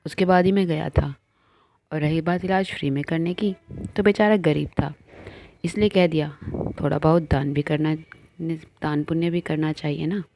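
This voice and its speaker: A woman's voice: low voice, steady tone, normal speed, warm tone, slight background noise. A woman voicing a playful middle-aged male doctor who teases his wife, in an offhand way.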